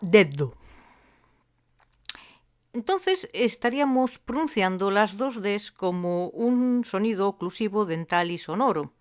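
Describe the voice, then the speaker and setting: A woman gives a phonetics lesson. She speaks very slowly and deliberately, pausing between each term as she breaks sounds down. Her voice sits at a middle pitch. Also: expressive. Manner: slow and deliberate, spelling out sounds with pauses. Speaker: language teacher.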